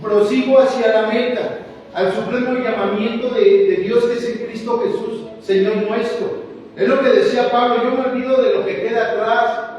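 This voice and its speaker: Speaking at a normal pace with a steady, slightly mellow tone, a man with an extremely high-pitched voice delivers a fervent, repetitive church sermon, frequently addressing "my brother." It was recorded from afar in an echoey church hall, with a bit of hiss or hum.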